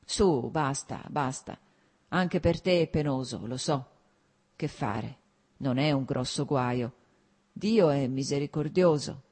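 A woman voicing a gruff, teasing elderly prince and father, with a husky low voice. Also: very animated, normal speed, dark tone, heavily acted. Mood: soothing. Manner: wry, then blustering.

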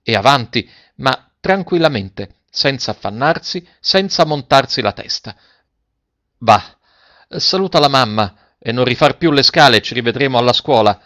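A man voicing an ailing, affectionate old male schoolteacher who speaks gently and fatherly, in a storybook reading. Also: mid-range voice, expressive, normal speed, lightly acted. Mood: tender. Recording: dull dry lo-fi recording.

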